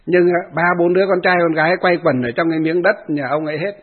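A male Buddhist monk tells a story in a sermon, lively and talking straight to his listeners. His voice sits fairly high with a husky grain. The audio is thin and phone-like. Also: fast. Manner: animated storyteller who laughs along and addresses the audience.

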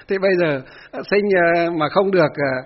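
A man's voice: high-pitched, normal speed, muffled recording, slight background noise. A man giving a folksy Buddhist sermon, telling a story with many fillers and acted-out quotes. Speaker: Buddhist monk giving a dharma talk.

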